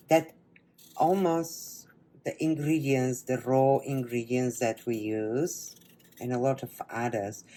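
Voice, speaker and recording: A woman from Bulgaria with a Bulgarian accent, a wellness teacher leading a guided breathing meditation and then a cooking demo, speaking softly and often trailing into whispers. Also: a bass voice. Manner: slow, soft-spoken, drifting into whispers.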